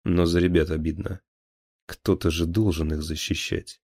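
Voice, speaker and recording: A dutiful police officer who stands up for his men, voiced by a man in an audiobook. He reports in a brisk, matter-of-fact way in a low, dark voice. The read is close and dry. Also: flat delivery, no echo. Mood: firm, businesslike.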